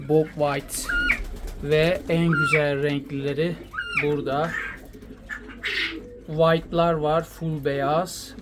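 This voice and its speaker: A man from Turkey showing his quails in a casual vlog, talking fondly and soothingly to the birds. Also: a little high. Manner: fond, soothing, talks to the birds. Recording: noisy with bird sounds. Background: cooing birds, pigeons.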